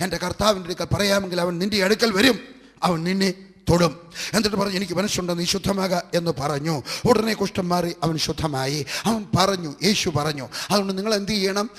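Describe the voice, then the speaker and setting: With a Malayali accent, a man preaches a fervent sermon, building his points through repeated rhetorical lines. His voice sits high and a bit bright, and a long hall reverb surrounds it.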